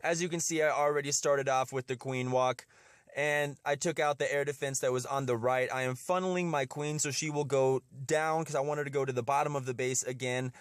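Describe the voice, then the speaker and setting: Man, mid-pitched voice, mildly stuffy nose, casual strategy game commentary, repeated words, dry close recording. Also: fairly even intonation, fairly quick, clean tone, no echo. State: getting sick, slightly stuffy nose. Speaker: host of a game strategy video. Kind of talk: gameplay commentary.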